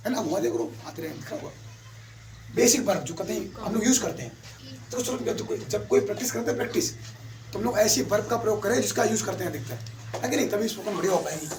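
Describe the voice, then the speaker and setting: A man's voice: high-pitched, animated, fast, noisy background. A man teaching an English class, quizzing his pupils and calling them beta. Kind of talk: classroom lesson. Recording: echoey classroom from far off.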